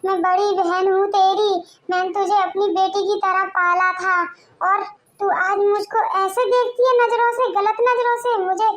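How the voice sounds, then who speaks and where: Woman doing a bossy older aunt, piercingly high, domineering family-drama scold. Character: bossy older aunt, stern but caring.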